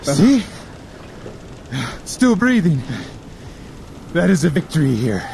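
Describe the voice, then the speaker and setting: An actor playing a grim, hardened galley slave giving measured advice in an epic drama. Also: male voice, a little high, sing-song, gravelly, a little hiss or hum, exaggerated voice. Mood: grim, urging. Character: hardened chained galley slave counselling endurance and hatred. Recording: loud music behind.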